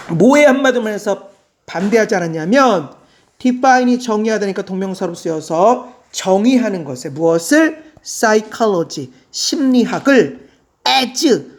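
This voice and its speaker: A woman teaching English to exam students, explaining a reading passage in a lively way with rhetorical questions and words read out slowly. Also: mid-range voice. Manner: animated, switches between polite and casual speech, asks rhetorical questions.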